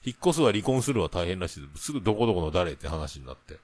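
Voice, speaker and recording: Brisk animated man with Hakata accent. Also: low-pitched, a crowd in the background. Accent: Hakata dialect. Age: middle-aged. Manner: animated storyteller, acts out dialect quotes. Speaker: podcast co-host. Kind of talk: casual chat.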